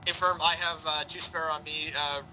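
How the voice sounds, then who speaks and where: A man playing a helicopter pilot in a military game, making halting, procedural radio calls. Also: fairly high pitch, level tone. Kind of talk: military radio chatter, gaming. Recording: noisy, vehicle sound behind.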